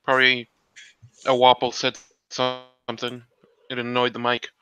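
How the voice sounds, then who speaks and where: Speaking a little slowly in a monotone, this medium-pitched man has a sharp yet smooth tone, with soft music playing behind him. He's a guest cartoonist on a casual stream, laid-back, joking and hesitant, and the dry lo-fi mic sounds dull.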